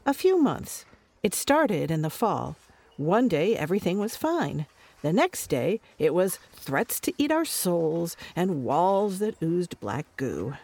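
A woman's voice: mid-range voice, darkish tone. A woman playing a prim, weary mother who coaxes her difficult daughter with patient, careful talk.

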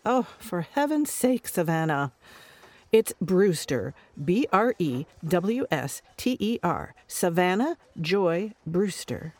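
A woman's voice: lowish voice, very animated, takes it slowly, darkish tone, full character voice. A woman playing a prim, weary mother who coaxes her difficult daughter with patient, careful talk.

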